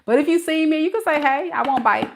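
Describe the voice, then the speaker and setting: A woman's voice: high-pitched, creaky, noisy background. Chatty Californian woman with a Mississippi lilt. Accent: Californian with some Mississippi dialect. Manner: chatty, laughing often, addresses viewers as y'all. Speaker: tarot reader reading live chat. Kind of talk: casual live-stream chat.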